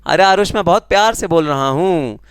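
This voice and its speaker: A man's voice: a little high, normal speed, clear, resonant tone, dry recording. A man with an Indian accent teaching a live online tax class, teasing students and answering their comments in a conversational way. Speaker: GST teacher.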